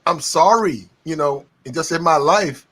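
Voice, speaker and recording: Excitable high-voiced stammering man. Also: unhurried. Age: 30s. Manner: stammering, excitable, keeps saying hold on. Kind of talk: heated casual debate.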